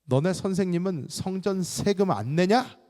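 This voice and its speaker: A man doing a shrill, taunting Pharisee. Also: expressive, moderate pace. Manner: loud, high and taunting. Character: scornful male Pharisee accuser, adult, combative. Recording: long reverb of a large hall.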